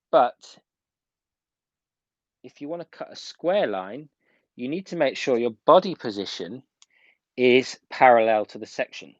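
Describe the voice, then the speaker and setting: A man's voice: mid-range voice, no echo. Man teaching hands-on, dull muffled sound. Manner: informal, instructive, repeats key points for emphasis. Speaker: hairdressing instructor. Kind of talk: live video tutorial, casual step-by-step demonstration. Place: indoors at home.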